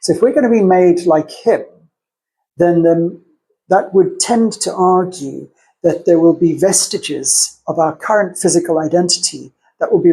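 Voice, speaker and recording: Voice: medium pitch, warm tone, low-quality recording. A podcast co-host in a casual theological discussion, thinking aloud in a discursive way and acting out opposing arguments.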